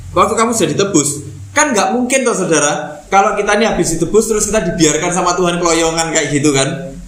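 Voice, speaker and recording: A man's voice: sits high, fairly bright tone. A man preaching a conversational sermon, often asking the congregation rhetorical questions. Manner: asks the congregation rhetorical questions, addresses them as brothers and sisters. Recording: echoey room.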